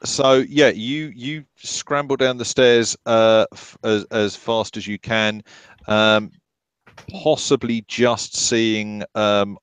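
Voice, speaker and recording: Male game master, slow and halting delivery, dry close recording. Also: fairly low pitch, smooth, no room sound. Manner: halting, full of ums and restarts. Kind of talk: narrating a tabletop horror game.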